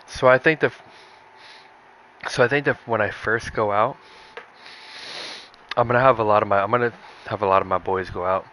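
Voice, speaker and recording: A young man with a somewhat low voice talks loosely on a live stream. He rambles and restarts, tossing in "dude" again and again as he works through rough comedy ideas. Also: steady tone, normal speed, long pauses, pushed and bright, slight background noise, poor audio. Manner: rambling, restarts often, says "dude" a lot. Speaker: streamer trying out stand-up material. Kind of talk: casual chat.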